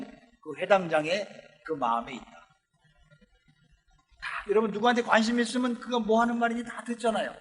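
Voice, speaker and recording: A man preaching a sermon as a pastor, telling the story with lively acted-out lines from the characters. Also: extremely high pitch. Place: church sanctuary. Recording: long church hall reverb.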